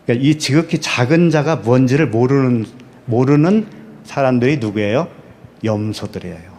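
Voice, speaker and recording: A man's voice: mid-range voice, a little mellow. Male pastor preaching, keeps asking questions and answering them, repeats words to hammer the point. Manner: asks the congregation rhetorical questions and answers them himself; repeats key words for emphasis. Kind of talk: sermon.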